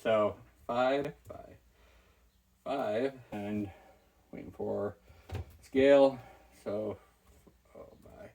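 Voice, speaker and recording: A man's voice: fairly low pitch, drawn-out words, vocal fry, pauses often, a little mellow. A man running a reseller vlog who talks casually and thinks aloud as he packs and ships orders, thanking each buyer by name. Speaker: online reseller. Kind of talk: casual packing-and-shipping vlog.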